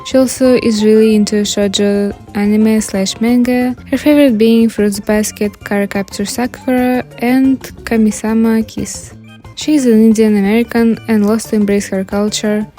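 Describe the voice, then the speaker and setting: Over background music, a YouTube artist and channel host with a Russian accent delivers casual, scripted commentary. She's a young adult woman whose voice is fairly high in pitch yet dark in tone.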